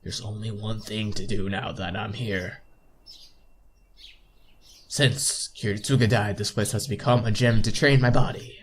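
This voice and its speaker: In a fairly low voice with fairly even intonation, a young man reads visual novel text unhurriedly, pausing often. As a playthrough host he keeps it informal, sometimes stumbling and correcting himself and making casual asides, with game music behind him.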